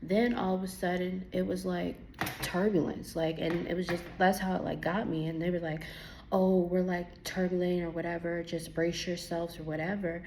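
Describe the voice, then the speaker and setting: A young woman, teary from crying, tells a personal faith testimony in a casual, animated way, acting out her own dialogue. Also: lowish voice, normal speed, slight background noise. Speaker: vlogger giving a testimony.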